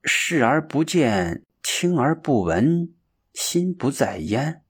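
An earnest, dreamy young seeker, as a man puts him on, calm and musing in a husky voice that rises and falls widely. He talks it over slowly in a storybook telling. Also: medium pitch.

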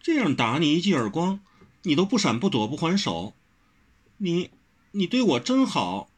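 A proud, quick-tempered young heroine from a martial-arts audiobook, voiced by a man. She teases with a lifted, lively voice that has a husky edge. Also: on the high side, voice pushed up, heavily acted. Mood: apologetic. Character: spirited proud young woman, wuxia heroine.

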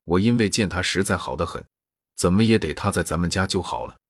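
Doting young nobleman, read by a man, coaxing, deep and husky. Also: expressive, fast, heavily acted.

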